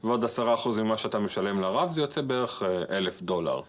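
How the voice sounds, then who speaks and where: An actor playing a smug sitcom schemer who talks slyly and chuckles. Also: male voice, on the low side, lively intonation, close to an everyday voice.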